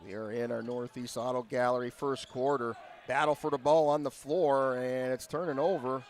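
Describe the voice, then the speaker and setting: A man's voice: mid-range voice, steady tone, normal speed. A man giving basketball commentary as a play-by-play broadcaster.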